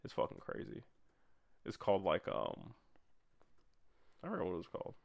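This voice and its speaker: A young man talking casually on a podcast, his voice low-pitched and swinging up and down as he gets worked up. He swears freely and the sound is dry and close. He cuts in often and keeps the talk rambling and loose. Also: a little fast, vocal fry, no room sound, muffled recording. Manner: animated, swearing, bursts of laughter. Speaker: podcast co-host. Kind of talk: unscripted casual chat.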